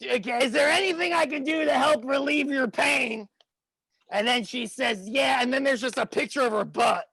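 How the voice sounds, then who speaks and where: A crude, drunken, sleazy wrestler, as a man puts him on, rambling and stumbling over his words. His voice is very high for a man and gravelly and husky. The sound is dry and close. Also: moderate pace, sharp tone, no echo, exaggerated voice, poor audio. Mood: boastful rambling. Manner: rowdy, crude, rambling and stammering. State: tipsy from shots.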